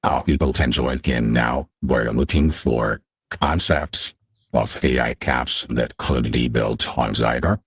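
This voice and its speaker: A man speaking through a voice changer as a podcast guest, halting with many fillers. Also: a bass voice, breathy edge, no room sound, clean studio sound. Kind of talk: casual chat.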